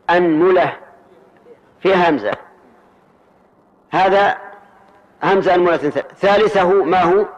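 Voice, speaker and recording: A man with a high voice leads a grammar lesson, spelling out each variant with patient repetition. He pauses to check that his listeners follow. The recording is dull and lo-fi. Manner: methodical, repeats words slowly and checks if students follow. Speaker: teacher. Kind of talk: grammar lesson explaining a poem line.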